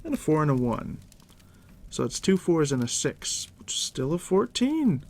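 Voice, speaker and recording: In a soft-spoken ASMR roleplay, the game master is a man whose hushed, gravelly voice runs a little high. He leisurely explains tabletop game rules, talking to the listener directly and conversationally, while a fire crackles against steady background noise.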